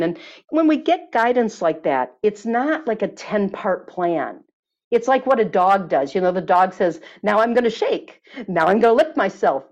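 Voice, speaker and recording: A woman telling a healing story at length, then leading a listener through a guided exercise, with lots of fillers. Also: mid-range voice. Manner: warm, lively storyteller, many fillers. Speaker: guest teacher on body healing. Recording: dull lo-fi sound.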